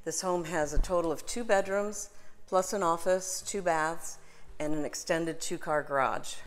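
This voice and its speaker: Low-voiced woman giving a home tour. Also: measured pace. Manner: upbeat salesy tour guiding. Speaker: real estate agent. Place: inside a house, then a kitchen. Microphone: phone camera, held at arm's length.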